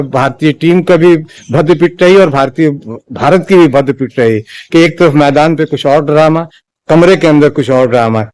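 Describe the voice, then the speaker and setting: Halting Hindi-speaking male commentator, dry sound. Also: fairly high pitch, a little mellow, no room sound. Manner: measured, halting, many restarts and fillers. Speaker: political commentator. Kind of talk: spoken opinion commentary.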